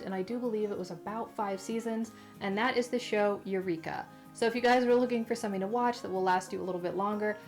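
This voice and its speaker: Casting: female vlog host, chatty and emphatic, mid-pitched, talking post wisdom tooth surgery, music behind her. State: mouth affected after wisdom tooth removal. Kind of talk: casual recommendation vlog to viewers.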